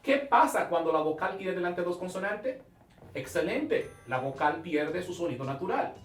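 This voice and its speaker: A man teaching English pronunciation in a televised class, speaking slowly and emphatically, drawing out key sounds and praising his viewers. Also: sits high, expressive, echoey room, recorded from a distance, faint music behind. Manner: asks questions and praises the viewer.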